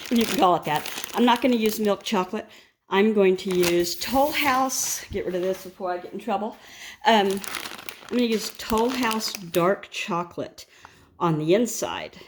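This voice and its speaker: Chatty woman baking at home. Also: lowish voice. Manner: chatty, rambling, laughs often. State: shaken and frazzled. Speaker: home cooking vlogger. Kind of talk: casual chat while baking. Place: home kitchen.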